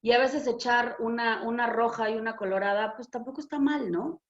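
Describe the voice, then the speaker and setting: A woman's voice: a little high, fairly even intonation, brisk. A Mexican woman hosting a spiritual channel, talking frankly and expressively in a casual way, with some swearing. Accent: Mexican Spanish. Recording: echoey room, dull lo-fi sound.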